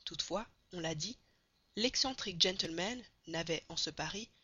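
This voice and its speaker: A woman reads a classic novel aloud in a bright, somewhat low voice. Her narration is expressive and lifts with the drama of the story. The recording sounds slightly dull and lo-fi. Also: moderate pace, breathy edge. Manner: expressive reading, building excitement at dramatic moments. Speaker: audiobook narrator.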